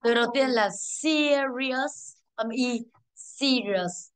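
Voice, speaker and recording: A woman's voice: sits high, slow pace, smooth. A woman teaching English to a class, quizzing pupils and drilling pronunciation. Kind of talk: classroom lesson.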